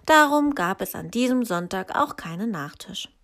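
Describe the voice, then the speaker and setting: A woman, likely a teacher, reading a children's story aloud in a slow, calm storytelling way. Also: mid-range voice.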